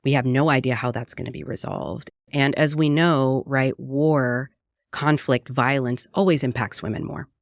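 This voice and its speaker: A woman's voice: very deep voice, fairly even intonation, moderate pace, no echo, studio quality. A woman from Puerto Rico, a cookbook author and radio producer, talking earnestly and reflectively in an interview. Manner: earnest and reflective, frequent "right?" tags. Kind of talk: conversational interview.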